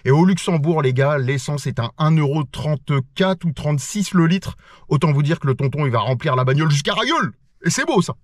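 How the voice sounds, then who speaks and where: Driving on a road trip, a Frenchman with a stuffy nose chats playfully to his car-mounted action camera, repeatedly addressing viewers as "les loulous." His fairly high voice is lively and brisk, with studio-quality sound and no echo.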